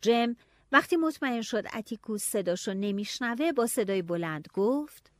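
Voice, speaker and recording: A woman narrating a novel in the first person, telling it in a lively, expressive way. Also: on the high side, dry recording, clean studio sound. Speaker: audiobook narrator.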